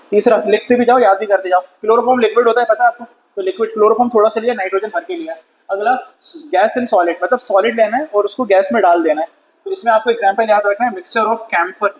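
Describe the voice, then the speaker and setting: A man teaching a chemistry class in a chatty lecture style, questioning and scolding his students. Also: sits high. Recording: dull lo-fi sound with faint noise.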